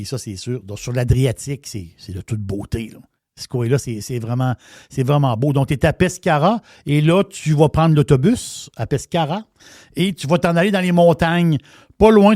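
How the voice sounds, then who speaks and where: A man's voice: mid-range voice, a little mellow, no room sound, studio quality. A middle-aged man with a Québécois accent, chatting casually as a radio wine columnist, repeating words and using slangy phrasing. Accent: Québécois French.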